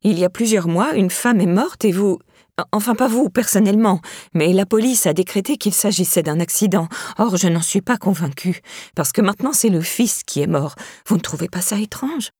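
A woman's voice: expressive, moderate pace, dark tone, breathy edge, dry recording, clean studio sound. A woman reading an audiobook, voicing an anxious, insistent woman with a raised, urgent voice. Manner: urgent, pleading, higher-pitched.

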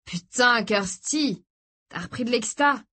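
Une femme jouant un jeune frère exaspéré qui jure. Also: female voice, on the high side, animated, takes it slowly, sharp tone, pitched above the performer's own voice, full character voice. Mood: exasperated. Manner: urgent, swearing, exasperated. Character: young man, exasperated brother.

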